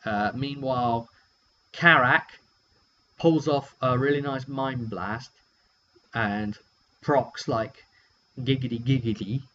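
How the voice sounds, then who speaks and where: Speaking slowly and pausing often, a man with a steady, mid-range voice sounds bright and forceful. He's a game master telling the story of a roleplaying session in a rambling, wry, casual way, acting out quick quotes. The recording comes from a dull lo-fi mic with hum.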